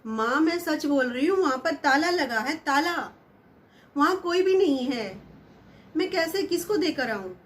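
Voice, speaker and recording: A woman's voice: high voice, animated, measured pace. Woman doing an insistent young daughter. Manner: earnest pleading, insistent.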